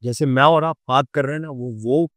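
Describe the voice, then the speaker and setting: A young man with a Delhi Hindi accent telling a true ghost story on a podcast, animated and acting out the scenes. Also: mid-range voice, brisk, dry recording. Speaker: podcast guest.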